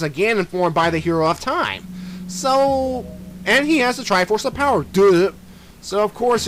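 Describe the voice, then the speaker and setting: High-voiced young man rambling over gameplay. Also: fairly bright tone, slight background noise. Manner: rambling, many fillers and restarts, talks to the villain directly. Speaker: let's play commentator. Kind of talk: casual game commentary.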